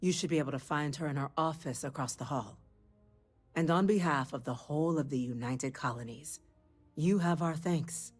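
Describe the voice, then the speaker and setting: Game role: low-voiced woman official, husky, faint music under. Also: moderate pace. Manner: formal, official address. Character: formal female government official addressing a captain. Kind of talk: video game dialogue.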